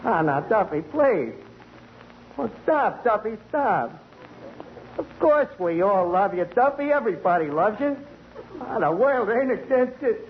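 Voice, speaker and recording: Here the same kind of streetwise, malapropism-prone tavern manager, a high-pitched "New" wise guy barkeep leading a 1940s radio comedy, speaks in a coaxing, sing-song way and a little slowly. He butchers grammar and fancy words, heard through a muffled, noisy period radio recording.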